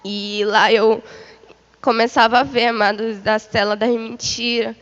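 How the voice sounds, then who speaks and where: A woman's voice: on the high side, fairly even intonation, measured pace, big-room sound, dull audio. A woman giving a religious testimony of a vision, retelling it in a repetitive way and calling her listeners beloved. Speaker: church member giving testimony.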